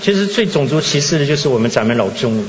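A man preaching earnestly in short, emphatic phrases, leaving pauses for an interpreter. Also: mid-range voice, animated, slight background noise. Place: large conference hall. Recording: muffled, echoey large hall PA.

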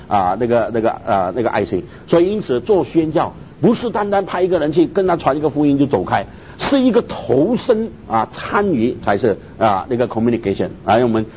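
A man delivers a sermon on missions, his slightly high voice leaping through a very lively pitch range. He keeps asking his listeners whether they follow, dropping English terms into his speech. The recording sounds dull and lo-fi, with a faint rumble underneath. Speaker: preacher on missions.

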